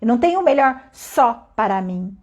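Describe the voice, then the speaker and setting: Brief: calm woman teacher, high voice, unhurried, asks her listeners questions as she explains. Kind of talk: reflective spoken lesson.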